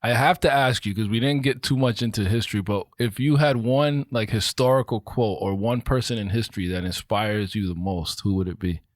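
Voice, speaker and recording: A middle-aged man co-hosting a podcast interview in a studio, calmly affirming and asking questions. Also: lowish voice, a little fast, hardly any pauses, no room sound. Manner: calm, affirming listener. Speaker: podcast co-host. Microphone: studio mic on boom arm.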